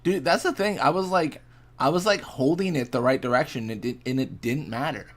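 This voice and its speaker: A man's voice: medium pitch, a little fast, fairly bright tone. A young man casually chatting and reacting while streaming a fishing game, laid-back and rambling as he answers chat.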